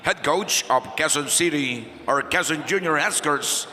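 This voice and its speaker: A man's voice: on the high side, sharp tone. A man with a Filipino accent announcing starting lineups over a hall sound system, drawing out each name. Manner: slow, drawn-out announcing of names. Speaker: game announcer. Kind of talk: arena player introductions. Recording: hall reverb of an indoor arena.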